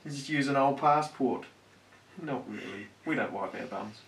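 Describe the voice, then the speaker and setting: A man's voice: mid-range voice, expressive, moderate pace, vocal fry, fairly bright tone, a little hiss or hum. Man, 40s, joking husband in a casual home Q&A, recorded on a distant, roomy camera mic. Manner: joking, dry and self-deprecating. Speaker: guest husband. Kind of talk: casual Q&A chat. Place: indoors at home on a couch.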